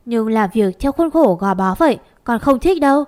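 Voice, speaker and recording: A woman reading as a quick-tempered young woman, an elder sister who scolds and snaps. Her voice sits high and her words come sharp. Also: lively intonation, natural voice. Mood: snappish. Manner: snappish, scolding.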